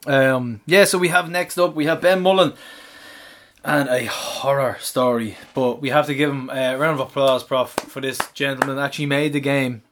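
A man's voice: mid-range voice, fairly even intonation, moderate pace, a bit bright. A man with an Irish accent chatting casually as a podcast host, informal and full of banter. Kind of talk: casual chat.

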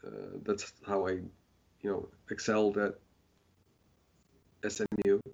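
A man's voice: lowish voice, level tone, slow pace, gravelly, darkish tone, lo-fi sound. A man, a painter being interviewed, talking in a rambling casual way with many fillers and restarts.

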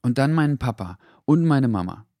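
A man voicing a young, kind-hearted boy in a children's audio story, talking earnestly and gently. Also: medium pitch, animated, moderate pace, no echo, studio quality, voice pushed up. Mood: wistful.

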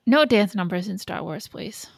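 A woman's voice: medium pitch, expressive, moderate pace, vocal fry, dry recording, clean studio sound. A woman chatting casually as a podcast co-host, blunt and opinionated with casual swearing. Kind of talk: casual fan chat.

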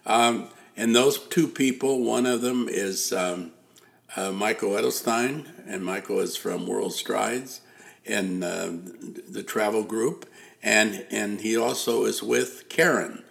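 Gravelly older man hosting a podcast. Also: lowish voice, slow, a bit bright. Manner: rambling, many fillers and restarts. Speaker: podcast host. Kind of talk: casual interview.

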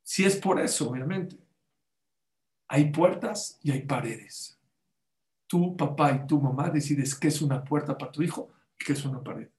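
A religious teacher preaches to his listeners, often stopping to ask them questions and weaving in Hebrew sayings. His voice sits a little high for a man. The room around him is echoey. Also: normal speed, a little mellow. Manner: asks the audience rhetorical questions, cites Hebrew sources. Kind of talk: sermon-style talk on parenting.

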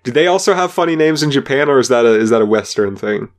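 A man of ordinary pitch co-hosts a podcast in casual chat. He drops dry, joking asides and hesitates with frequent fillers. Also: expressive, fast. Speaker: podcast co-host.

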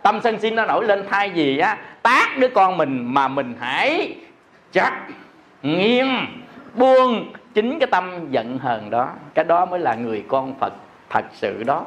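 High-voiced monk, jokey sermon. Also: male voice, sing-song, a little slow, fairly bright tone, slight background noise. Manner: jokey, laughs often, peppers talk with rhetorical questions. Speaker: Buddhist monk preaching.

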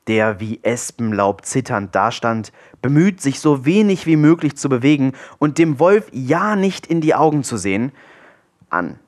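A man narrating a children's storybook aloud, playful and with wry asides. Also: medium pitch.

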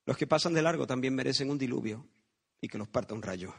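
A man's voice: medium pitch, expressive, fast, gravelly, breathy edge. A man preaching a sermon in a conversational way, telling parables and asking rhetorical questions.

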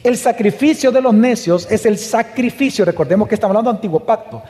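A man preaching a sermon with a high, mellow voice. He speaks earnestly and keeps turning to the congregation with rhetorical questions. His voice carries a long reverb, as in a large church hall. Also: fast talker. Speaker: pastor.

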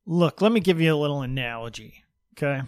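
A man with a slightly high voice talks as a podcast co-host. He is casual and sarcastic, explaining in a mock-serious way, and the sound is very dry. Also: lively intonation, quick pace, darkish tone, clean tone, no echo. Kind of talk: casual joking talk.

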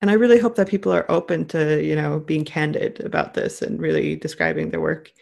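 A woman's voice: sits low, fairly quick, gravelly, a little mellow. A woman co-hosting a podcast, speaking reflectively in a casual chat and often adding "you know". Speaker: podcast co-host.

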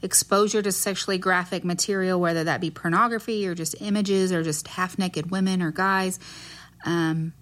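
A woman's voice: fairly low pitch, fairly even intonation, moderate pace, fairly bright tone. A woman with a West Texas accent speaking as a nurse guest in an interview, explaining earnestly and choosing her words carefully.

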